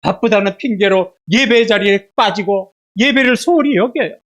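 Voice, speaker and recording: Battling a bad cold and fever, a pastor delivers a Sunday sermon in the church sanctuary with a high-pitched voice at normal speed. He poses question after rhetorical question to his listeners, surging loud before dropping to a hush.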